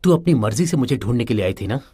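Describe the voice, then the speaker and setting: An actor dubbing a surly teenage schoolboy who snaps curtly and with hostility. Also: male voice, medium pitch, animated, racing, mellow, slightly rough. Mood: hostile. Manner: curt and hostile. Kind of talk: Hindi drama dub.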